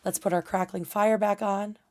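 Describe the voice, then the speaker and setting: A woman's voice: mid-range voice, steady tone, moderate pace, background noise. A young adult woman hosting a livestream and chatting casually in a loose, rambling way. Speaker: livestream host.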